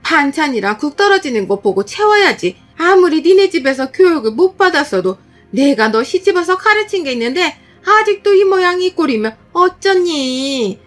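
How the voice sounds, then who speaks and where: A woman's voice: high voice, fairly bright tone, voice pushed up, exaggerated voice. A woman voicing a domineering middle-aged mother-in-law who scolds and screeches with contempt.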